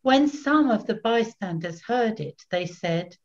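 An older woman reads scripture solemnly and very deliberately. Her pace is slow and her pitch sits in the middle. The sound is a dull webcam recording from a room at home. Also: expressive. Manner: measured, deliberate. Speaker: scripture reader, narrator. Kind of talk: solemn scripted Bible reading. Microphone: video call, computer at arm's length. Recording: dull webcam video call audio.

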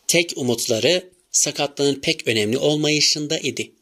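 Bright-voiced male audiobook narrator. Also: a little high, a little slow, breathy edge. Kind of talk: scripted novel narration.

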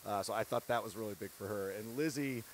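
Poor audio with a little hiss or hum carries a lowish man's voice at a quick pace. A head basketball coach in his thirties stands at a courtside set in an empty arena for a post-game interview, speaking earnestly and candidly into a handheld mic and laughing between points.

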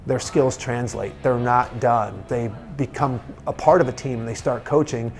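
An earnest man gives a measured documentary interview about his program. His voice sits at an ordinary middle pitch, and faint guitar music plays underneath. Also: fairly even intonation, a little mellow.

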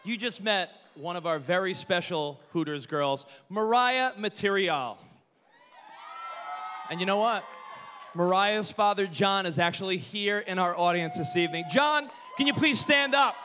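A man's voice: high-pitched, lively intonation, unhurried, background noise. A man co-hosting a live pageant show, with an upbeat, showy way of talking. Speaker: pageant co-host. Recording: reverberant arena with crowd.

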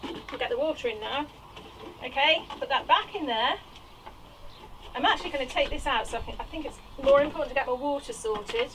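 Potting plants in her little greenhouse, a woman keeps up chatty, think-aloud talk for her casual gardening vlog, picked up by a tripod camera nearby. Her voice is high, brisk and a bit bright, and the poor audio has a little hiss or hum.

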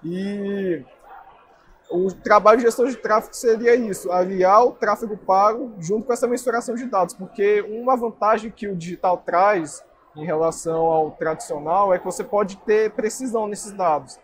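A young man with a high voice speaks at a normal speed, earnestly explaining marketing while answering interview questions as a guest at an indoor trade fair booth. There's slight background noise.

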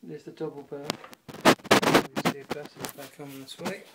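A man giving a relaxed, offhand walkthrough of his boat, pausing with the odd uh, recorded on a handheld camera in a shed and a small cabin. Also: a little high, very noisy. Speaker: boat owner giving a tour. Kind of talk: casual walkthrough narration. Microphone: handheld camera or phone.

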